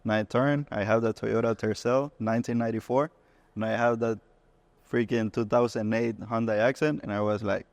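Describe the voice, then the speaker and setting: A man's voice: on the low side, moderate pace, vocal fry, no room sound. A man from Honduras co-hosting a car podcast, telling stories casually, with curse words and frequent restarts. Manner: relaxed storytelling with swearing and restarts. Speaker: podcast co-host. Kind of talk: casual chat.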